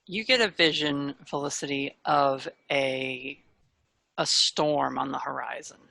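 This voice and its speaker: A game master recapping and running a tabletop adventure in a casual, conversational way. The voice is bright with a gravelly creak, recorded close and dry. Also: medium pitch, unhurried, no room sound. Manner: casual and conversational, slipping between recap and banter. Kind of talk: narrating a tabletop role-playing game.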